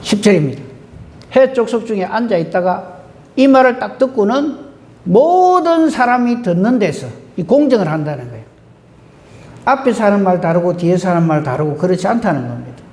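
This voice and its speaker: A male pastor preaching an animated sermon at a New Year's Eve service, with exhortations and rhetorical questions. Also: high voice, fairly quick.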